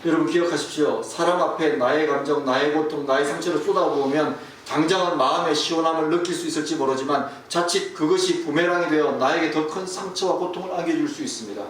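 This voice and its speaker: A man, a pastor, preaching a sermon and telling a story, falling to a hush and then rising again. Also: a little high, fast, hardly any pauses. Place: church sanctuary. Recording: distant, echoey room with faint hiss.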